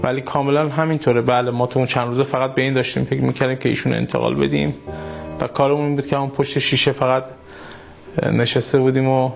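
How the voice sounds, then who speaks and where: A man's voice: mid-range voice, flat delivery, gravelly, faint music behind. A man, a relative of the interviewee, recalling events hesitantly in an interview. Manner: hesitant, with fillers.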